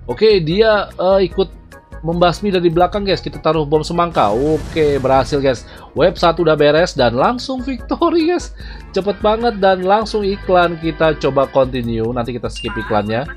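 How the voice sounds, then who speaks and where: A gaming YouTuber with a fairly high, lively voice chats casually with viewers, calling them "guys," while commentating on mobile gameplay at a moderate pace. Music plays behind him.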